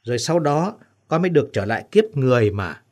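A man's voice: mid-range voice, very animated, fast talker. A man voicing the sorrowful ghost of a young son in an audio story, speaking sadly. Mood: pained. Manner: sad, mournful.

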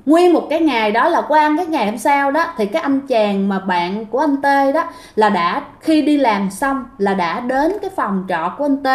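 A woman narrating a ghost story in a chatty way, often speaking directly to her listeners. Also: sits high. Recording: echoey room.

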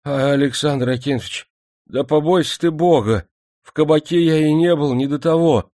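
A man's voice: a little high, moderate pace, warm tone, dry recording, clean studio sound, pitched above the performer's own voice, lightly acted. A man reading an audiobook who voices a poor, worn-out miner begging his boss for mercy. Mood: pleading. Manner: desperate, begging. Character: poor exhausted male miner, pleading.

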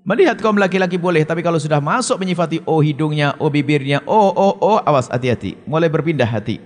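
Stern high-voiced preacher, echoing hall. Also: male voice, lively intonation, fast, faint music behind. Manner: emphatic and stern, with sharp swings of pitch. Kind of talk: sermon answering a question from the audience.

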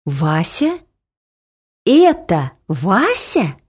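A woman reading the lines of a bewildered, quietly spoken husband in an audiobook. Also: fairly low pitch, expressive, measured pace. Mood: stunned.

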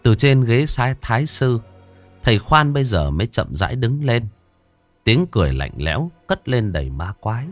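A man narrating a scripted horror story in a dramatic, expressive way. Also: mid-range voice, normal speed, soft background music.

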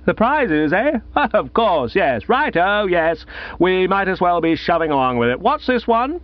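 A man voicing a tipsy, rambling upper-class young Englishman giving a loud, swooping speech in an audiobook. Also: high-pitched, sing-song, a little slow, no echo, dull audio, pitched above the performer's own voice. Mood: flustered.

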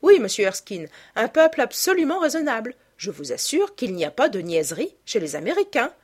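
A woman's voice: on the high side, very animated, brisk, slightly rough, voice pushed up. A woman voicing a pompous male politician who lectures with self-assurance. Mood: lecturing. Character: pompous radical male politician, stuffy and earnest.

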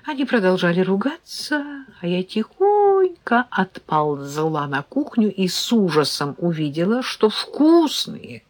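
A woman narrating an audiobook in an expressive, animated first-person reading. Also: fairly low pitch, unhurried. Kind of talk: scripted narration.

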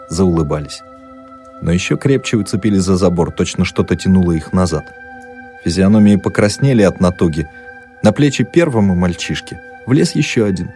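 A man narrating an audiobook in an expressive, dramatic storytelling manner. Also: fairly low pitch.

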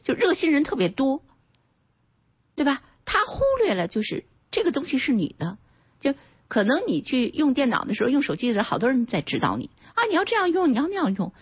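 A woman lawyer speaking as a radio talk show guest, with a slightly husky, fairly high voice. She explains animatedly, jumping up and down in pitch as she acts out little scenes. The recording is a dry studio with a dull broadcast quality. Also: very animated, fairly quick, no room sound.

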